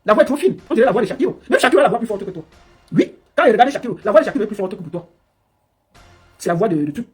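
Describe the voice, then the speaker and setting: A woman's voice: medium pitch, very animated, darkish tone, slightly rough, faint music behind. A woman giving a scolding, mocking live commentary. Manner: scolding, mocking, rapid-fire. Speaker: livestream commentator.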